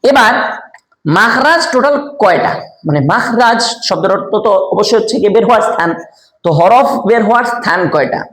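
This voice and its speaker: A man teaching a step-by-step lesson, repeating key answers slowly, asking quiz questions aloud and demonstrating sounds himself. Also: high-pitched, roomy sound. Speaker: Quran recitation teacher.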